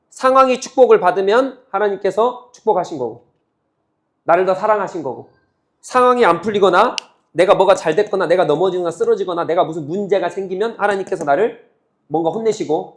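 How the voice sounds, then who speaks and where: A man with a fairly high voice preaches a teaching sermon to his congregation. He keeps asking questions and answering them himself, and he acts out the quoted voices in a lively back-and-forth. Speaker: pastor. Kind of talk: sermon teaching on a Bible book.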